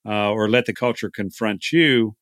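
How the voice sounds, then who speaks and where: A man's voice: fairly low pitch, normal speed, a bit bright, dry recording, studio quality. A man with a Texan accent hosting a podcast interview, talking in a casual, rambling way with frequent restarts. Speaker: podcast host.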